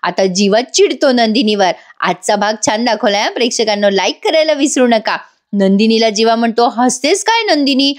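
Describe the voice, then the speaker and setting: A woman giving a lively, chatty recap of a TV serial episode. She laughs as she retells it. Her voice sits fairly high. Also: normal speed. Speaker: TV serial reviewer.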